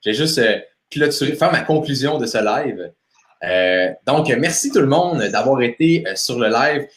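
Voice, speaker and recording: A man's voice: mid-range voice, animated, moderate pace, roomy sound. A man with a Québécois accent hosting a live stream interview, casual and full of fillers. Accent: Québécois French. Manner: casual, many fillers and restarts. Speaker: host.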